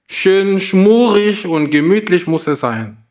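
A man voicing a hooting owl who wants a cosy atmosphere, slow and raised in pitch. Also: animated, a little mellow.

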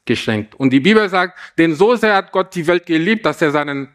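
A man preaching a Christmas sermon, reading a fable aloud and asking the listeners gentle questions. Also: fairly high pitch, animated, a little fast. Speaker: pastor.

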